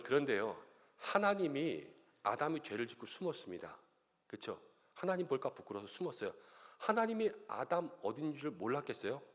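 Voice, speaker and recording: A middle-aged male pastor delivers a sermon in a church sanctuary, his voice rising and falling in a lively, animated way. He slips into little acted-out quotes and voices as he talks. The sound carries a long reverb from the hall. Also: medium pitch.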